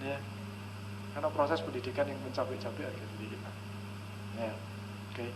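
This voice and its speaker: A man's voice: mid-range voice, fairly even intonation, normal speed, heavy background noise. A man speaking as a counselor at a live seminar, who often checks in with the audience and acts out conversations between parents and children.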